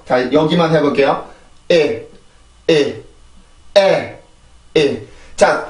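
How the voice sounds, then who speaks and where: A man teaching English pronunciation, explaining step by step and repeating drill words three times. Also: fairly high pitch. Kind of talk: pronunciation lesson. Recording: echoey room, voice a bit far from mic.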